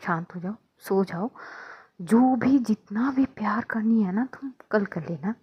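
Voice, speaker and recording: A woman voicing a worried, caring young woman who coaxes in soft, half-whispered speech. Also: mid-range voice, measured pace, breathy edge, dry recording, dull audio. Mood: soft coaxing.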